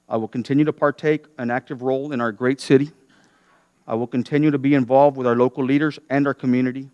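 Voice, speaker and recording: A man's voice: medium pitch, darkish tone, clear, resonant tone, no room sound, highs cut off. A man giving a prepared farewell speech as a city commissioner, formally and with personal asides. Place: city council meeting.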